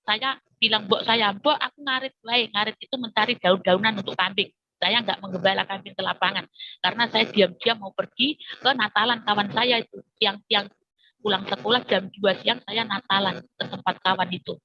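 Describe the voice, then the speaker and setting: A woman's voice: mid-range voice, fairly even intonation, moderate pace, pushed and bright. A woman with a Javanese accent telling her life story as a testimony, acting out the voices of people in it. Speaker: testimony speaker. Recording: dull lo-fi recording.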